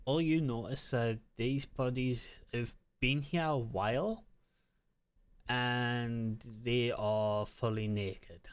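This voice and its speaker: Brief: male game master, slow and measured, smooth voice on a slightly muffled mic. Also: mid-range voice, steady tone. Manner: halting, measured descriptions. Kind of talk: narrating a tabletop game.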